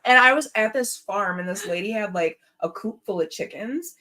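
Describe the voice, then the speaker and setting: Mujer animada contando anécdotas. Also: female voice, mid-range voice, moderate pace. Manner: animated, profane, laughing storyteller. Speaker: talk show participant. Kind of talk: casual chat, storytelling.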